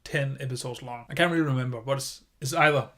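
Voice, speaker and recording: A man's voice: medium pitch, fast talker, fairly bright tone. A man giving a casual video review of a TV series, enthusiastic and rambling, often circling back on his points.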